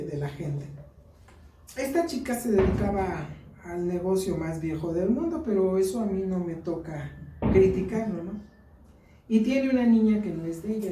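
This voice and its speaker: Earnest Mexican woman church teacher, low dark voice, roomy distant sound. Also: slight background noise. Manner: earnest, tells personal stories. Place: church hall. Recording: echoey room, mic far off.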